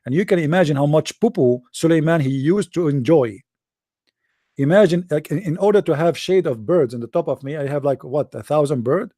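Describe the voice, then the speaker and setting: A man's voice: on the high side, a little fast, warm tone, dry recording. Sarcastic Arabic-accented man, dry close sound. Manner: sarcastic, mocking. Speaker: religious debater. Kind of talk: online debate talk.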